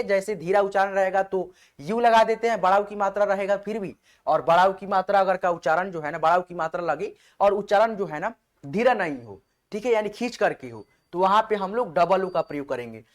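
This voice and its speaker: A patient male teacher walks his viewers through a spelling lesson, spelling words out slowly one letter at a time. He repeats himself often and keeps checking that his students are following, in a close voice-over. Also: high-pitched. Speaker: online English teacher.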